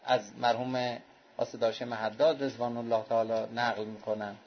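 A man's voice: little pitch movement, muffled recording, a little hiss or hum. A man preaching a sermon, telling anecdotes and acting out the people he quotes. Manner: storytelling, acts out quoted speech with raised pitch.

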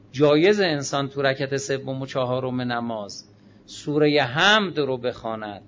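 A man giving a religious lecture as a cleric, swinging between emphatic raised phrases and quiet low asides and drawing out sacred phrases. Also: lo-fi sound, slight background noise. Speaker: Islamic cleric.

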